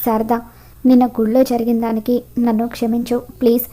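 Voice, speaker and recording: A woman reading the lines of a pleading, apologetic middle-aged man in a flat way. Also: a little high, brisk, close to an everyday voice.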